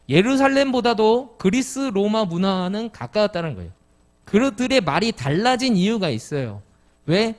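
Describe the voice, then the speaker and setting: A middle-aged pastor from Jeju preaches at a midweek service in a fairly high voice. His pitch rises and falls in a lively way as he explains each point patiently and puts questions to his listeners. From Jeju, Korea. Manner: explains step by step and asks the congregation questions. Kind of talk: expository sermon at a midweek service.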